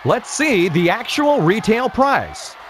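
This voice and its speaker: Video game casting: energetic, exclamatory game show host, very animated, over a roaring studio crowd. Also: male voice, high-pitched, slow pace, heavy background noise, full character voice. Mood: upbeat, showy. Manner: exclamatory, showy. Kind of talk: scripted game show hosting. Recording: loud music and studio crowd behind.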